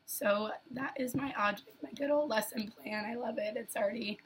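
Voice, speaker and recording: A young woman, a daycare teacher, talking casually to camera while losing her voice, so she sounds hoarse and often slips into a whisper. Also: on the high side, moderate pace, low-quality recording. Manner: goofy, laid-back, chatty. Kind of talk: casual video talk.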